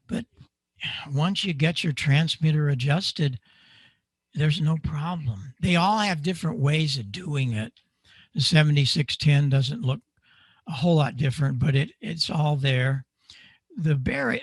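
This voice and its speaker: A man's voice: on the high side, slightly rough, dry recording. An older man who builds microphones, presenting to a club over a video call and quizzing himself with rhetorical questions. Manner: lively demonstrator, asks himself rhetorical questions. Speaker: guest speaker, microphone maker. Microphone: video call mic.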